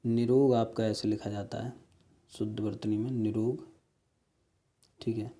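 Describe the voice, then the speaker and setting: A man's voice: fairly low pitch, little pitch movement, unhurried, dark tone. A man teaching an exam-prep spelling lesson, going through questions step by step and asking viewers rhetorical questions. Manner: explains step by step, repeating words and "ठीक है".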